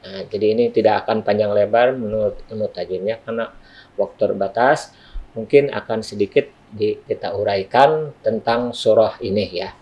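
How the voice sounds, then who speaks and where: A man's voice: on the low side, moderate pace, slightly rough, highs cut off. A man teaching a recitation lesson to students in a school studio, explaining patiently with frequent "ya" tags.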